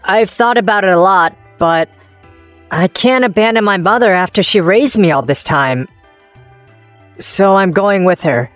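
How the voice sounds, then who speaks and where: In this manga dub a woman portrays an introspective, wryly self-deprecating young male office worker and ex-boyfriend, alternating narration with in-character lines. Her subdued delivery is medium-pitched, unhurried, and lightly acted, with no echo and faint background music.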